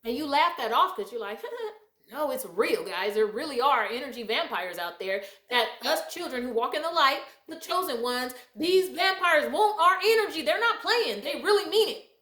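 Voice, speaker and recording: High animated woman in an echoey room. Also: moderate pace. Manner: emphatic and preachy, laughs often. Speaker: vlogger giving life advice. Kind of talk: casual motivational monologue.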